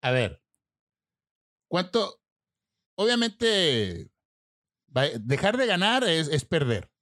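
A man's voice: fairly high pitch, wildly swooping pitch, takes it slowly, a bit bright, no room sound, clean studio sound. A man with a Mexican Spanish accent in a casual debate, teasing and insistent, swearing casually. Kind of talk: casual debate between friends.

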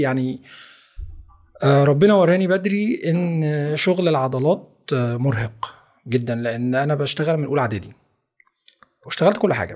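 Egyptian arabic guy in his 30s, kinda higher voice, quick casual interview chat. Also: a little mellow. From village near Tanta, Egypt. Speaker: podcast guest, English teacher and entrepreneur.

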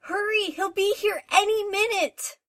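A woman playing an eager, excitable teenage daughter, in a high voice. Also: a little slow, over music.

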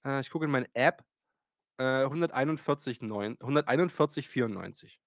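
A man's voice: mid-range voice, a little fast, no echo, clean studio sound. A man in his thirties wryly retelling an anecdote in a casual chat, often laughing as he talks. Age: 30s.

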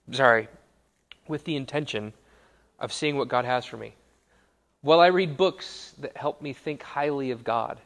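A young adult man, a college pastor, giving a casual sermon to students, talking conversationally with quick self-corrections and asides. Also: medium pitch, fairly bright tone. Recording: long hall reverb.

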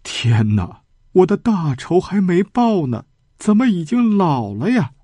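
A hunted hero who cries out in despair, his voice pushed high and strained, as a male storyteller acts him out. The tone stays husky, and the sound is dry and close. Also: big pitch swings, unhurried, dark tone, no echo, full character voice. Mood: anguished. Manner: wailing despair. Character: grief-stricken male fugitive hero, aging.

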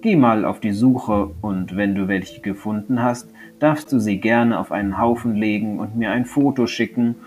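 A man teaching a remote primary school lesson, gently addressing a young child after a read-aloud story. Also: lowish voice.

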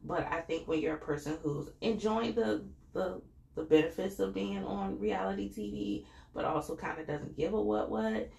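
A woman's voice: medium pitch, normal speed, creaky, a little mellow, reverberant. A woman hosting a podcast, talking in a casual, slangy, chatty way with lots of fillers. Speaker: podcast host reviewing a reality show. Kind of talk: casual chat.

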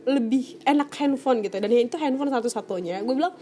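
A woman's voice: sits high, a little fast, warm tone. A young woman from Indonesia, hosting a podcast and telling a personal story in casual talk, speaking chattily and laughing often while addressing her listeners. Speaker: podcast host.

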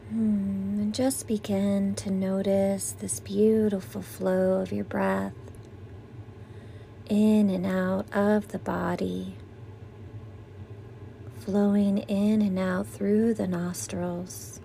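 A woman guides a meditation in the gentle manner of a sleep story narrator. Her voice is soft-edged and mellow, staying level as she moves very slowly through each cue. Faint noise and ambience sit behind her. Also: mid-range voice, level tone. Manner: soothing, gentle, breathy exhales on breathing cues.

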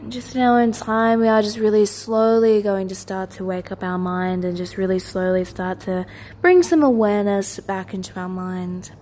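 A woman with a mid-range voice narrates a guided meditation. She is soothing and gentle, repeating soft instructions in a lulling way. Faint ambient noise sits behind her voice. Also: mid-range voice, fairly even intonation, normal speed. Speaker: meditation teacher, host of a daily guided meditation.

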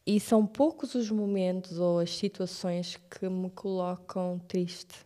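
A young woman from Verde, speaking as a guest in a relaxed, reflective podcast interview. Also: lowish voice, measured pace. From Cape Verde. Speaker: guest, TV presenter.

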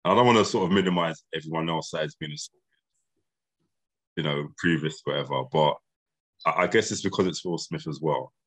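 A man's voice: extremely low pitch, brisk, long pauses. A man with an urban London roadman accent, chatting casually in slang as a podcast co-host. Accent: London, urban street. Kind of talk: casual chat, street slang.

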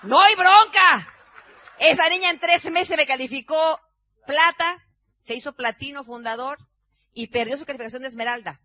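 A bright, high-pitched woman. She tells her story in a lively, animated way, rising at times to a shout. Her voice is recorded close and dry. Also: normal speed, dry recording. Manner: animated, acts out quotes, often shouts. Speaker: business seminar speaker. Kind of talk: motivational storytelling talk.

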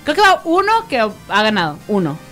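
A woman's voice: on the high side, wildly swooping pitch, a little fast, fairly bright tone, soft background music. Slangy Mexican woman co-hosting a chat. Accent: Mexican Spanish. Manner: joking, slangy, playful. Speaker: podcast co-host. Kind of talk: casual chat.

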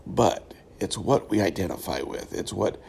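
Low, gravelly middle-aged man, thoughtful and unhurried. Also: expressive, darkish tone. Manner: thoughtful, halting, pausing often. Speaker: podcast host, former pastor. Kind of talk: reflective solo podcast monologue.

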